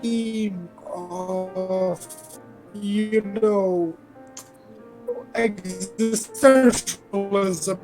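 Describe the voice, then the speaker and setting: A woman's voice: mid-range voice, dark tone, faint music behind. A woman co-commentating a game over a voice call, her audio cutting up into choppy, robotic fragments from a bad internet link. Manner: halting, words arriving in broken pieces. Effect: glitchy, cutting-up robotic voice-call audio. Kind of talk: casual chat over a voice call. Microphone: voice chat over a bad internet link. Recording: distant lagging internet call.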